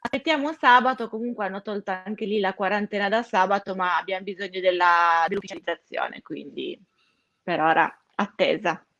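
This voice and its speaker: A woman's voice: medium pitch, normal speed, fairly bright tone, dry recording, muffled recording. A woman giving an informal explanatory news update, speaking emphatically and stressing her key words.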